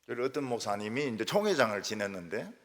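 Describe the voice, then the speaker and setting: A male pastor from Daegu, preaching a sermon as lively storytelling, with sudden loud jumps and quiet asides. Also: mid-range voice, quick pace. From Daegu, South Korea. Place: church sanctuary. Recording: church hall reverb.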